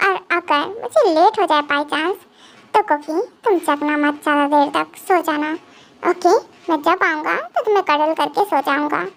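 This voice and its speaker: A woman's voice: high-pitched, unhurried, vocal fry. A woman voicing a menacing young male psychopath gang boss in a fan dub drama, taunting and threatening. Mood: tender.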